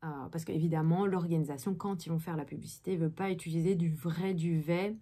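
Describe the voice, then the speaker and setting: A woman in her thirties, originally from Belgium, talks through her day in a relaxed vlog. Her voice sits fairly low, and she fills her sentences with hesitations as she chats. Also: a little fast. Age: 30s. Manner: chatty, many fillers. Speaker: actress vlogger. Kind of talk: casual daily vlog.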